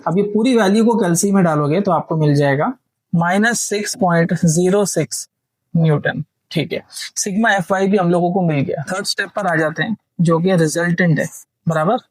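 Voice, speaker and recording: A man's voice: high-pitched, normal speed, no echo, poor audio. A man teaching engineering step by step, patiently walking students through a worked problem and checking in with them often. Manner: patient, repeats "theek hai" and checks understanding often; mixes English technical terms into Hindi speech.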